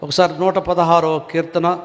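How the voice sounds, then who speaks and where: A man's voice: on the high side, little pitch movement, normal speed. A man preaching a sermon as pastor, earnest and given to rhetorical questions. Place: church hall. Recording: long reverb of a church hall.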